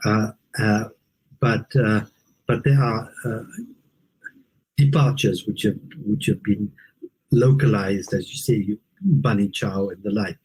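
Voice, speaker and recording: A man explaining things as an interview guest, haltingly and deliberately, often repeating words, in a husky voice. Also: on the low side, lively intonation, darkish tone, poor audio.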